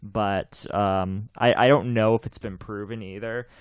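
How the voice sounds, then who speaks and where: A young man in his twenties hosts a podcast in loose, rambling chat, often repeating himself and breaking into laughs. His lowish voice is smooth and resonant. The sound is dry and close, with no room echo. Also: fairly even intonation, a little slow. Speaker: podcast host. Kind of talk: casual chat.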